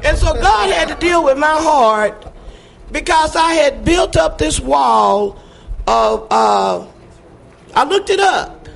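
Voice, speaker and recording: A church member gives a spontaneous personal testimony into a handheld or stage mic, her high, gravelly voice carrying a gap-toothed sound from a missing front tooth. She tells her story slowly but with emphatic, folksy animation.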